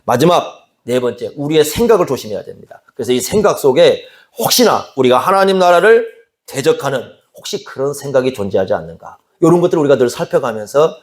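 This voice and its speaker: A man's voice: medium pitch, very animated, quick pace. A man preaching a sermon in a conversational way, often asking the congregation questions and acting out quoted dialogue. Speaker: pastor.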